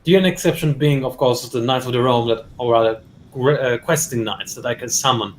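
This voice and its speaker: A man's voice: medium pitch, a little fast. A man hosting a casual gameplay session, teasing his opponent and explaining game mechanics as he plays. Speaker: strategy game player, channel host.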